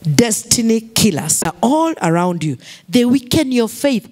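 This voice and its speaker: A woman's voice: fairly high pitch, big pitch swings, measured pace, darkish tone. Kenyan woman pastor preaching with repetition. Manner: repeats key phrases, mixes English and Swahili, call-and-response. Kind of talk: sermon.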